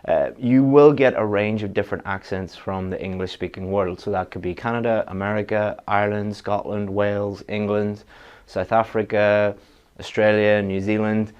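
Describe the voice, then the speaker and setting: A man with a fairly low voice coaches students through an exam-prep lesson. He talks straight to them, frank and practical, and moves from point to point like a teacher who wants the work done. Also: darkish tone, dull audio. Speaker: IELTS teacher.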